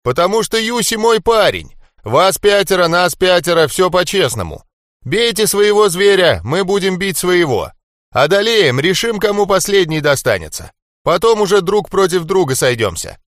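A man reading an audiobook, voicing a cocky, swearing male fighter who taunts and laughs loudly. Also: sits high, big pitch swings, normal speed, no room sound, studio quality, pitched above the performer's own voice. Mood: jeering. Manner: loud, jeering, laughing taunts. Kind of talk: audiobook character voice.

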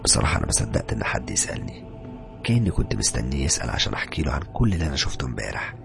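A man with an Egyptian accent narrating a first-person horror story, dramatic and hushed at tense moments. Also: rumbling low, big pitch swings, very fast, gravelly, over music. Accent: Egyptian Arabic.

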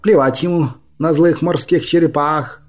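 A man's voice: fairly high pitch, steady tone, moderate pace, lightly acted. A man voicing a big, grumpy young dragon who rants and complains about his body being misused. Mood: indignant. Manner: aggrieved, blustering. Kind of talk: audiobook character voice.

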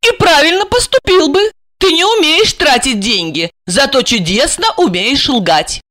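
A woman voicing a frightened, accusing young wife with a shrill, tearful manner. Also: big pitch swings, unhurried, a bit bright, no room sound, studio quality, exaggerated voice. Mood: bitter accusing.

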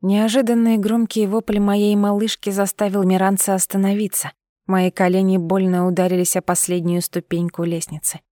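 A woman reading a first-person audiobook in a steady, expressive voice. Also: mid-range voice, moderate pace, no room sound, studio quality. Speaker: audiobook narrator.

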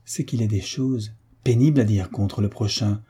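A syrupy, sighing devout woman who schemes behind her piety, read by a man. Her voice stays dark and warm, with a husky edge, and her tone is soft and unctuous. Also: lowish voice, normal speed. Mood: sanctimonious. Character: sweetly scheming pious older woman.

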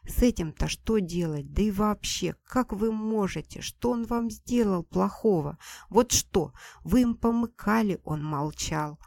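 A woman's voice: mid-range voice, animated, measured pace, creaky, few pauses, a little mellow, voice pushed up. A woman narrator voicing a timid but earnest young woman who implores and defends someone.

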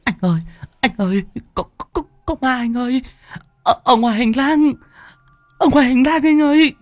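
Man doing a shrill terrified stammering woman. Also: moderate pace, no echo.

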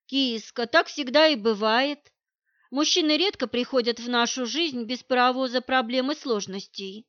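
A caring, worldly-wise girlfriend, read by a woman in an audiobook, gentle and consoling, with a fairly high voice. The sound is dry and slightly dull. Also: moderate pace, dry recording, close to an everyday voice. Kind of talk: audiobook reading.

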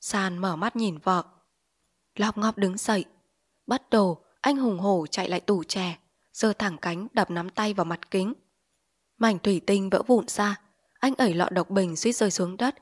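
A woman reading a short story aloud as audiobook narrator, with steady, expressive storytelling. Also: medium pitch, measured pace, husky.

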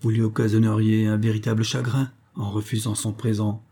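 A man voicing a calm, fatherly castaway leader who speaks in a measured, earnest and kindly way, in an audiobook. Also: lowish voice, slightly rough.

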